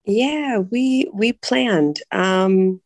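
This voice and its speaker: A woman in her thirties from California, telling her story as a podcast guest in a relaxed, chatty way. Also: medium pitch, very slow, no echo. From California, USA. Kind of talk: personal storytelling interview.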